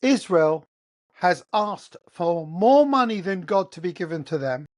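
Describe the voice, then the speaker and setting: An English host from England delivers a heated solo rant, blunt and profane, firing off one rhetorical question after another. His voice is high and animated, with a measured pace.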